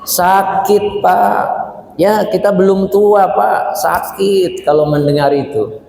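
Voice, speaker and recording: A man preaches in a lively storytelling manner, speaking straight to the men and women in front of him. His voice sits a little high for a man. The sound rings with a long hall echo. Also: slow pace, gravelly. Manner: lively storytelling, addresses listeners as Bapak and Ibu. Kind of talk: sermon. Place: mosque or hall gathering.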